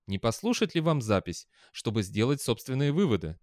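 A man's voice: mid-range voice, sing-song, brisk, darkish tone, no room sound, clean studio sound, natural voice. A man voicing a careful, persistent male detective who argues politely and insistently in an audiobook.

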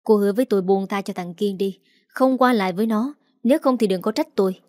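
A woman voicing a scornful middle-aged stepmother, a teacher, who scolds in a haughty, shrill way. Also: quick pace, warm tone, no echo, clean studio sound, natural voice.

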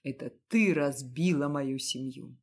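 A woman reading as an enraged husband stuck in bed, hurling tearful accusations in a dropped, loud voice. It is a storybook reading with harsh, bitter lines. He sounds broken but spiteful. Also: a bass voice, unhurried, pitched below the performer's own voice, exaggerated voice. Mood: furious. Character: bedridden, bitter, furious husband, male adult.

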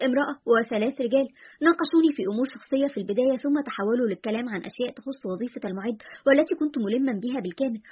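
A woman's voice: fairly high pitch, lo-fi sound, a little hiss or hum, natural voice. A woman voicing a sarcastic, defiant young man in a story, speaking in a dry, mocking way.

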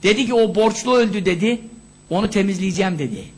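A man with a strikingly high voice delivers a Turkish sermon. He recites Arabic lines and then explains them in Turkish. He keeps asking his listeners questions and tells the story with animation. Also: fast talker, husky. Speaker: preacher.

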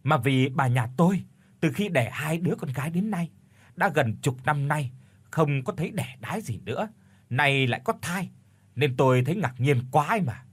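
A man's voice: a little high, slightly rough. A man voicing an older village landlord who stammers and fusses anxiously. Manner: flustered, stammering.

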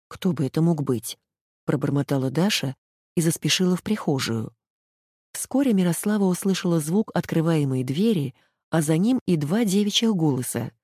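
A woman narrating an audiobook in an even, measured reading. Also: deep voice, slightly rough, dry recording, studio quality.

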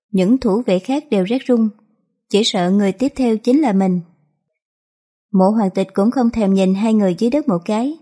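A woman narrating a dramatic story in a slow, measured reading voice. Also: fairly high pitch, warm tone.

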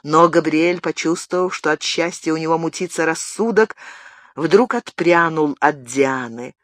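An audiobook narrator reading a romantic novel in a measured, expressive way at a close studio microphone. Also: medium pitch, no echo. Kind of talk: scripted literary narration.

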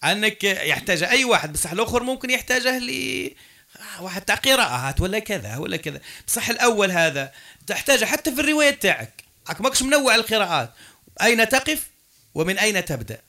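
A man with an Algerian Arabic accent lectures a classroom. His voice sits high for a man and sounds bright and forceful. He switches between dialect and formal Arabic and checks his students with questions as he explains. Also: sing-song, quick pace. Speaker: teacher.

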